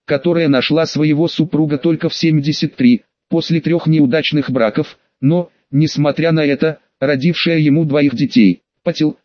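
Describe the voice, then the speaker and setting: A man narrates a fantasy story in an even storytelling manner, reading the characters' dialogue without changing his voice. His voice sits a bit high for a man. The recording is dry and somewhat dull, lo-fi. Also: normal speed, dry recording. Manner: even storytelling, quotes read in his own voice. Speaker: audiobook narrator. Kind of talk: scripted narration.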